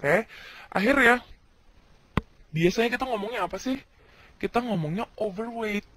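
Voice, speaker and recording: A man's voice: high-pitched, moderate pace, pushed and bright, a little hiss or hum. A man from Indonesia teaching English vocabulary in a casual video lesson, chatty and slangy, asking questions and answering them himself.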